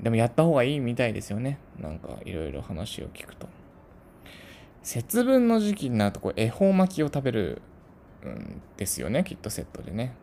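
Chatty man with a lively, bouncing voice. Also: medium pitch, slight background noise. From Tokyo, Japan. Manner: chatty, rambling, full of asides. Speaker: channel host. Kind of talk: casual storytelling monologue.

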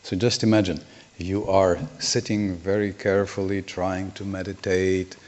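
A man giving a scripture class, chanting Sanskrit verses and explaining them word by word, often clearing his throat. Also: sits low, level tone, unhurried, a little mellow.

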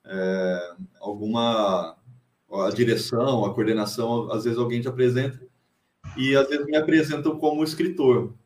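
A Brazilian man, a writer and teacher, answering interview questions casually with many pauses and restarts. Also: medium pitch, fairly even intonation, darkish tone, roomy sound, a little hiss or hum. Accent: Brazilian Portuguese. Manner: hesitant, many fillers and restarts.

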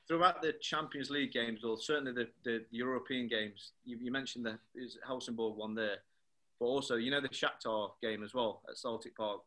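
Man, bright forceful voice, animated anecdotes, acts out quotes. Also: mid-range voice. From England. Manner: animated storyteller who acts out quoted dialogue. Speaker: former footballer, guest. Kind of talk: anecdotal interview chat.

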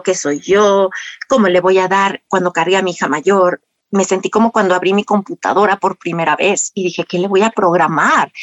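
Animated Mexican woman telling her story. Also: mid-range voice, no echo, lo-fi sound. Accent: Mexican Spanish. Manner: animated storytelling with frequent rhetorical questions. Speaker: speaker sharing personal story. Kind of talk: conversational talk.

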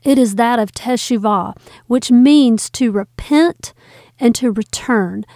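A woman's voice: a little high, slow pace, dark tone, dry recording, studio quality. A woman hosting a podcast, explaining Bible words in an earnest, teacherly way. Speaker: podcast host.

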